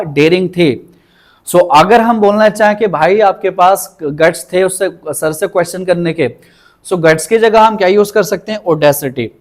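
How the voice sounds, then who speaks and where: Brief: high-pitched male tutor, patient, repeats words slowly. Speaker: English teacher. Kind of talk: vocabulary lesson.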